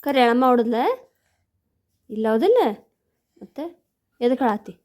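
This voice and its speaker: A woman's voice: on the high side, expressive, moderate pace, a little mellow. A woman with a North Karnataka Kannada accent, chatting at home in a casual vlog and coaxing small children with teasing questions. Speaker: vlogger and mother.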